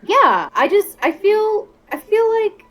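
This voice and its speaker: A woman's voice: very high voice, very animated, slow, a bit bright, soft background music. A woman chatting casually while co-voicing a video game on a stream.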